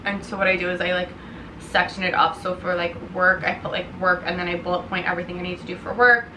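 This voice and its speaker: A woman's voice: lowish voice, quick pace. A young woman vlogging from her living room couch, tired and chatty, talking casually and saying "like" a lot. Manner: relaxed, chatty, heavy use of "like". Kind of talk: casual vlog chat. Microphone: camera on a tripod. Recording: roomy home recording with faint hiss.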